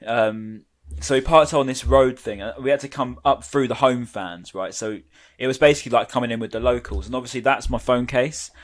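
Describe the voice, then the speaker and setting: A man co-hosting a podcast, telling anecdotes in a relaxed, casual chat. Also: mid-range voice, a little fast. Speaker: podcast co-host.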